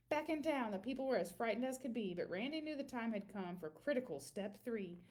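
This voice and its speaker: A woman whose voice is slightly high reads a picture book for children in a lively storytelling style. She leans on dramatic emphasis and draws her words out.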